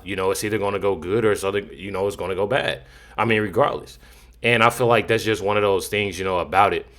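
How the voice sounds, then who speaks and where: A man's voice: on the low side, fairly bright tone. A man giving casual, unscripted commentary in a rambling, repetitive way, leaning often on filler phrases. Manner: rambling, repeats himself, frequent "you know". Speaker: commentator reacting to news clips.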